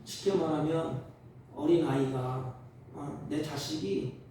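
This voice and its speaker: A male pastor preaching a Sunday sermon, swinging from loud exhortation to hushed, tender asides. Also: fairly high pitch, takes it slowly, slight background noise. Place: church sanctuary. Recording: roomy church sound from a distant mic.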